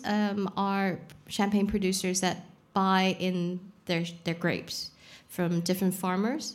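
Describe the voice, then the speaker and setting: A young adult woman from Saudi Arabia is a champagne expert guest on a live podcast, explaining things frankly and casually and swearing now and then. Her voice is mid-range and a little mellow.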